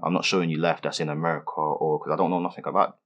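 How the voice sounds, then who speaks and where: A man's voice: very deep voice, level tone, racing, muffled recording. A young man from London with a London accent, answering interview questions in laid-back street slang with lots of fillers. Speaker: rapper being interviewed.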